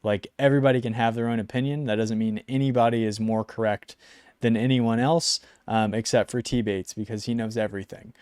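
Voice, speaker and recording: A young man casually ranking esports players in a relaxed, rambling way, with lots of ums and likes. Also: medium pitch, brisk, clean tone, no room sound. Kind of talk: casual talking-head video.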